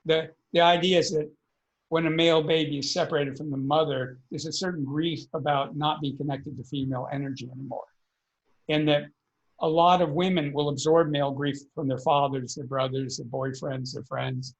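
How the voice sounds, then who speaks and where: Man explaining earnestly, slightly high voice. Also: fairly even intonation, normal speed, gravelly, poor audio. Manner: earnest, explanatory, repeats words as he thinks. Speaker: podcast guest, energy work teacher. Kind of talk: conversational interview explanation.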